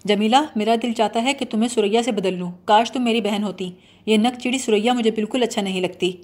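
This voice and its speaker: A woman's voice: on the high side, darkish tone, lightly acted. A woman reading the part of a bumbling, mock-serious young man who blusters and lectures pompously.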